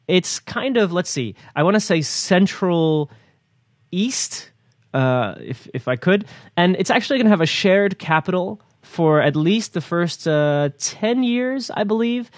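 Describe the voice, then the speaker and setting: A man's voice: sits high, animated, unhurried, no echo, clean studio sound. A man co-hosting a news talk program, rambling casually with repeated words and easy laughs.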